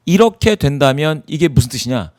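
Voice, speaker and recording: A man's voice: fairly high pitch, expressive, a little fast, a little mellow. A man in a studio interview, explaining poll data emphatically and asking himself rhetorical questions. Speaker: poll analyst guest.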